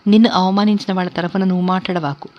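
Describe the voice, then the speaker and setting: Brief: woman reading as a hotheaded young man, low voice, blunt, lo-fi. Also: steady tone, fast, natural voice. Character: proud, indignant idealistic young man. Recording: dull lo-fi recording.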